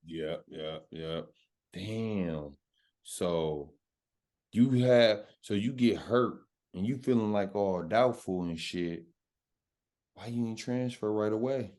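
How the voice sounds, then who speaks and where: A man's voice: on the low side, slow, darkish tone. A man hosting a podcast, asking laid-back, slangy questions in a casual chat. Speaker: podcast host.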